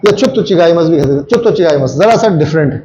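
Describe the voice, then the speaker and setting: High-voiced male teacher quizzing a class. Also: animated, quick pace, warm tone, slight background noise, low-quality recording. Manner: repeats phrases and quizzes students with questions. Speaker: Japanese language teacher. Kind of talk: classroom grammar lesson.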